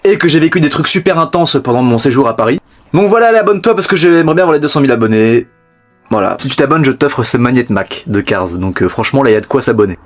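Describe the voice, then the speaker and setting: A man's voice: medium pitch, animated, fast talker, faint music behind. A young man talking casually to camera as a content creator, cheeky and crudely joking.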